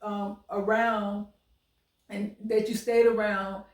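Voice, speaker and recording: A woman's voice: mid-range voice, flat delivery, takes it slowly. American lady doing straight-talk dating advice, blunt and kinda scolding, bit far from the mic, echoey. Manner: blunt, emphatic, admonishing. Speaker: relationship advice vlogger. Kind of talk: candid dating advice monologue with personal stories. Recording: roomy echo, distant microphone.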